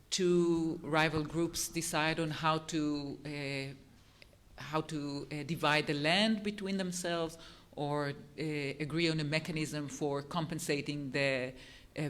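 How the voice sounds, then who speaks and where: A psychologist on a panel, explaining concepts in a measured academic way. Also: male voice, on the high side, fairly bright tone.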